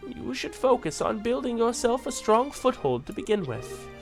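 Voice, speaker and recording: A man doing a soft-spoken, dignified queen. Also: extremely high pitch, sing-song, moderate pace, creaky, music in the background, full character voice. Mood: gentle. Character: gentle, dignified queen, woman.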